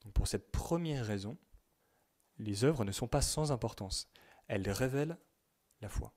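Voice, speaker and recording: A man giving a religious teaching to young people, speaking in a measured way and stressing key words, sometimes reading quotations aloud. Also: mid-range voice, lively intonation, darkish tone. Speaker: teacher at a youth retreat.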